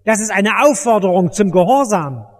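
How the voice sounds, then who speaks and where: An urgent male preacher drives his sermon home, speaking directly to his hearers. His voice sits high for a man. A long church reverb trails every line. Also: expressive, moderate pace. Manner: urgent, emphatic, addresses the listener directly. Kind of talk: evangelistic sermon.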